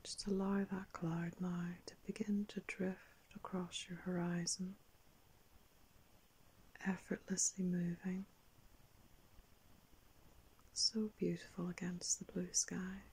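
An older woman leads a guided meditation in the manner of a sleep story narrator. Her voice is very breathy and whispered, sitting a little low. She speaks calmly and very slowly, leaving space between soft phrases. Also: low-quality recording. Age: older, around 60s. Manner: calm, soft, unhurried, with long pauses. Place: small indoor room.

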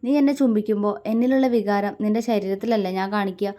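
A woman's voice: mid-range voice, fast talker, warm tone, natural voice. A woman voicing a teasing young husband. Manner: teasing, mock-stern, demanding.

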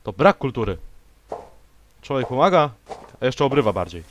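A man's voice: medium pitch, sing-song, moderate pace, slight background noise. A young man doing let's play commentary, sarcastically talking back to the enemies on screen. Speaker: gameplay commentator.

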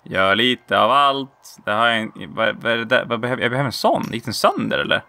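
A man giving casual, playful commentary while playing a video game, often laughing and squealing out high exclamations. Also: big pitch swings, vocal fry, pushed and bright. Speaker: let's play gamer.

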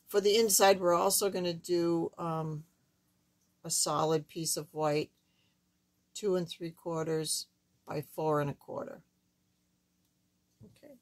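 Thin, squeaky-voiced older woman, low-pitched. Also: fairly even intonation, takes it slowly, long pauses. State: hoarse while recovering from surgery. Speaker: craft tutorial host. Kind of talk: casual card-making demonstration. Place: indoors at a wooden craft table, camera overhead.

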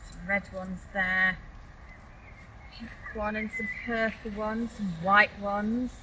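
Woman children's leader, gentle encouraging prayer, recorded outdoors from a distance with background noise. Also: medium pitch, level tone. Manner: slow, clear and encouraging. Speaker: children's holiday club leader. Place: outdoors in a garden by a tent.

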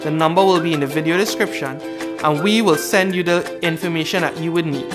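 A young man hosting a children's Sunday school session and leading a prayer, calm and friendly. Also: on the high side, a little fast. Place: studio with green screen. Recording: music playing underneath.

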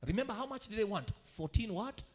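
A man with a Kenyan accent preaching a sermon as pastor, swinging from quiet teaching to shouted declarations and calling for amen. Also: sits high, animated, brisk.

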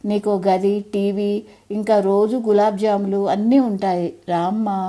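A woman's voice: mid-range voice, level tone, a little slow, close to an everyday voice. A woman reading an audio story, voicing a tired sixty-year-old daughter who coaxes and pleads with her elderly mother. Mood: pleading. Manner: gently insistent, coaxing.

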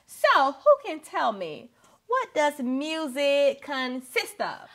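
A woman's voice: sits high, sing-song, slow, a bit bright, full character voice. A woman playing an encouraging poetry teacher on a children's show, in a broad singsong delivery. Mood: upbeat, teaching. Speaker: teacher, show's star. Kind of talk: scripted children's show acting. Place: indoor TV studio set, light music behind.

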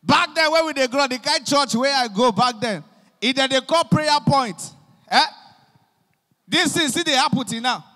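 A young Nigerian man performs animated stand-up comedy in Pidgin, acting out police officers and pastors as he tells his stories. His very high-pitched voice moves at normal speed through a handheld mic on a large concert stage before a live audience. The sound carries the long reverb of a large hall.

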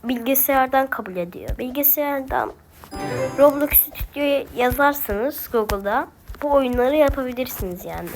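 High-voiced woman grumbling over a game. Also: lively intonation, normal speed, music in the background. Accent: Turkish. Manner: grumbles and talks to herself while playing. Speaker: gameplay streamer. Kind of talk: casual gaming commentary.

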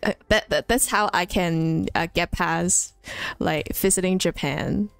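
A young woman whose first language is Chinese chats casually while streaming a game, full of fillers and restarts. Her voice is lowish, creaky yet clear and resonant, at a measured pace, with faint music in the background.

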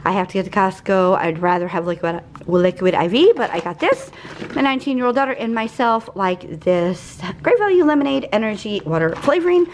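Her voice sits at a medium pitch, with a little noise in the background. She's a woman in her forties, a vlogger showing her groceries in her kitchen at home, chatty and rambling and quick to get sidetracked during this easygoing haul.

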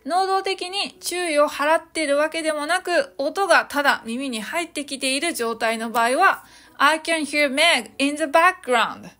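High-voiced woman teaching English. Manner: cheerful, explains slowly, models English phrases slowly. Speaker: podcast host teaching English. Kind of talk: solo podcast English lesson. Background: soft background music.

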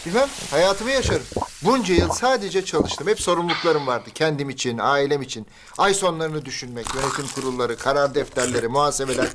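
A woman's voice: deep voice, a little fast, background noise, close to an everyday voice. A woman acting as a weary, indulgent businessman father in a TV drama, speaking plainly and matter-of-factly. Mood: weary, reflective.

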